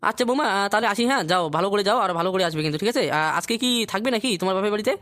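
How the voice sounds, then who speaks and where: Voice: mid-range voice, animated, racing, a bit bright, pitched below the performer's own voice, close to an everyday voice. A performer doing a fussy old cartoon dad. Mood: fussing. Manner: repeats himself, fussing advice. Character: chatty old father, fussy and caring.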